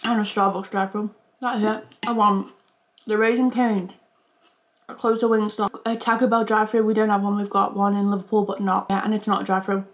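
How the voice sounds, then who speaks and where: A woman's voice: mid-range voice, flat delivery, fairly quick. A woman, chatting casually in a mukbang vlog and chewing between sentences. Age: 20s. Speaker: YouTuber.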